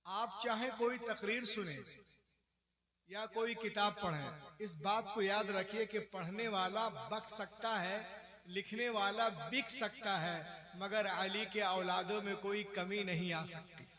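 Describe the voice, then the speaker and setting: A man from India giving a religious sermon to a large gathering. He recites Arabic verses slowly and then explains them. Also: sits high, fairly even intonation, pushed and bright. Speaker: religious speaker. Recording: echoey sound with crowd.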